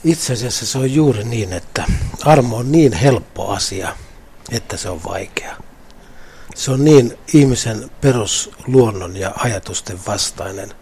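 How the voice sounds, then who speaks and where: Earnest low-voiced man on faith. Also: expressive, darkish tone, a little hiss or hum. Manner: earnest, thoughtful, with restarts. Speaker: guest. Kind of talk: reflective faith talk.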